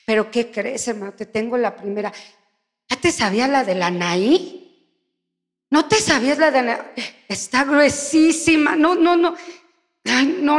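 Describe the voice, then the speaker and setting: A woman's voice: high voice, gravelly, heavily acted. A woman voicing a gossipy, self-righteous churchgoer who chatters in a confiding, smug way. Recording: echoey church hall.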